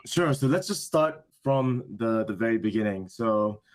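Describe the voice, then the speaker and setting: A young adult man speaks at medium pitch with lively intonation and a measured pace. As an interview guest and business school student whose native language is Japanese, he answers in a thoughtful, hesitant way that often corrects itself.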